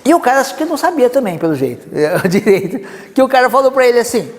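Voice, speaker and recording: A Brazilian man preaching a sermon, telling a story with lively asides. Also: very high-pitched, fast talker, long reverb tail. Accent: Brazilian Portuguese. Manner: animated storytelling with many asides.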